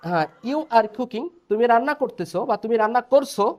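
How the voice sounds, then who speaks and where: A man's voice: very high-pitched, expressive, fairly quick, darkish tone. A man teaching an online English class, explaining step by step and checking in with his students.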